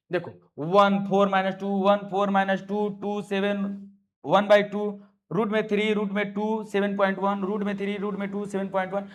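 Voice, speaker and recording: A male maths teacher with a high voice leads a classroom lesson, coaxing his students along and repeating their questions back to them.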